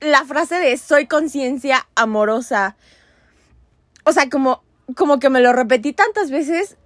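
High-voiced chatty woman. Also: a little slow, no echo, studio quality. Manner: earnest, rambling, self-mocking. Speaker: podcast host. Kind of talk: casual chat.

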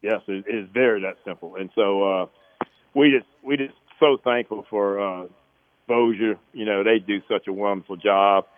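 A man's voice: on the low side, fairly even intonation, moderate pace, slight background noise. A man talking as a casual, folksy, appreciative interview guest. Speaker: interview guest, event co-director. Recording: tinny narrow phone line.

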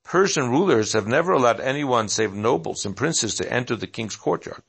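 A man's voice: medium pitch, lively intonation, moderate pace, gravelly, a bit bright, husky, exaggerated voice. A man reading out the lines of a cautious male legal advisor to a king, speaking in a wary, respectful way.

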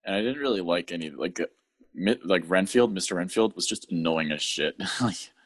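Young man, podcast co-host, low voice, giggly and animated. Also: moderate pace, slightly rough. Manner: laughing, animated retellings of scenes. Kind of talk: casual chat. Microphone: audio-only podcast mic.

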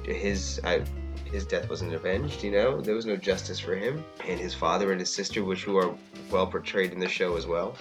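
A man's voice: low-pitched, moderate pace, soft background music. A man casually chatting as a podcast co-host, rambling and often asking "you know what I mean". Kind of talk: casual chat reviewing a TV drama.

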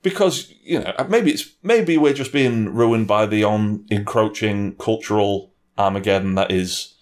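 A man with a lowish voice and measured pace gives wry, opinionated film and game reviews in a casual two-person discussion. He swears some and mimics people with mock voices as he rants.

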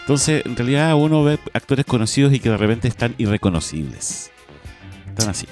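A Chilean man co-hosts a radio film review in a relaxed, rambling way. He talks in loose, filler-heavy stretches and often checks in with a quick question. Faint music plays under his voice. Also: mid-range voice. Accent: Chilean Spanish. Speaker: radio film show co-host. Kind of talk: casual film review chat.

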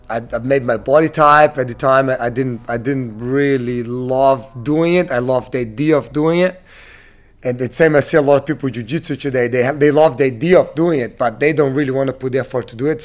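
A man from Brazil in his thirties, a gym owner being interviewed, talking casually with many restarts and fillers. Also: mid-range voice.

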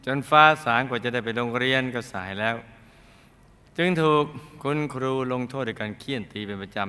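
A man's voice: mid-range voice, brisk, sharp tone, clean tone. A man telling a dramatic true-life karma story as a host, with playful asides.

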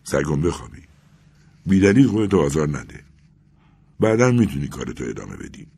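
A man's voice: very deep voice, sing-song, gravelly, warm tone, husky, exaggerated voice. A man voicing a devoted, worried young friend who speaks in an urgent, coaxing way.

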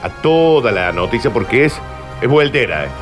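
Man, radio host, comic news chat, very lively pitch, faint background music. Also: moderate pace. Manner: animated, jokey, with sudden high squeals.

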